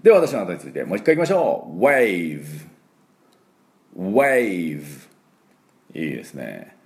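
A Japanese-speaking man teaching English pronunciation, repeating each sound slowly for learners and filling pauses with "um" and "well". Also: low voice, huge pitch swings, vocal fry, dark tone. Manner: frequent fillers "えー" and "まあ". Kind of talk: pronunciation lesson.

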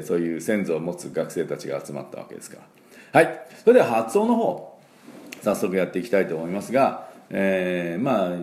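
A middle-aged man hosts a daily English lesson, talking casually with lots of fillers. His voice is deep and gravelly with a warm, dark tone. It swings lively up and down, and the recording has a roomy echo. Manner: chatty, many fillers, slow drawn-out teaching of sounds. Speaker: English teacher and school head.

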